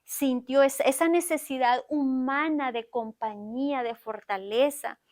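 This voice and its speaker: A woman's voice: high voice, steady tone, unhurried, darkish tone. A woman preaching a sermon in a church, often turning to the congregation with questions to draw them in. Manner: keeps asking the congregation questions. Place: church sanctuary.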